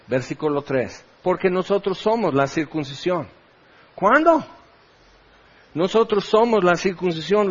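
A middle-aged male pastor with a Mexican accent preaches an impassioned sermon packed with rhetorical questions. His voice is high and husky, in a dull lo-fi recording.

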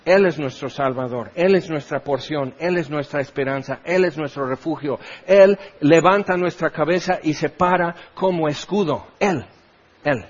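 Middle-aged Mexican preacher, high, fervent delivery with repeated rhetorical questions; muffled lo-fi recording. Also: male voice, normal speed, breathy edge. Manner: impassioned, rhetorical questions, repetitive preaching cadence. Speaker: pastor. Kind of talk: sermon. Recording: dull lo-fi recording.

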